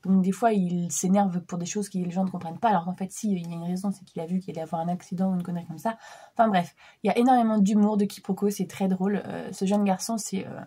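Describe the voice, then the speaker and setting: A woman in her thirties chats casually about books, her voice warm and slightly husky, her nose stuffed up from a cold. She rambles easily, filling pauses with little hesitations. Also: medium pitch, fairly even intonation. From France. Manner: chatty, many fillers and restarts. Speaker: book vlogger. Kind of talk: casual chat.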